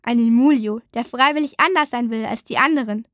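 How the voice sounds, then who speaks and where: A woman's voice: on the high side, brisk, a bit bright, no room sound, clean studio sound, natural voice. A woman voicing a mean, mocking male wooden creature in a storybook. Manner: scornful, mocking.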